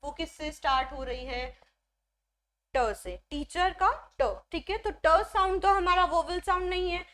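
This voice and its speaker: A woman teaching an exam-prep English grammar lesson, explaining step by step and often checking with "ठीक है", slowing down on English examples. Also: very high-pitched, a bit bright. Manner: mixes Hindi with English phrases, slows down on English examples.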